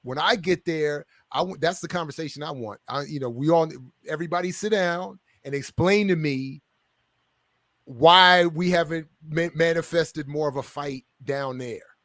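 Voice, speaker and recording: A man's voice: on the high side, moderate pace, a bit bright, no room sound, clean studio sound. A man guest, an author and scholar, answering interview questions with building passion over a video call. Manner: passionate, builds up and gets amped.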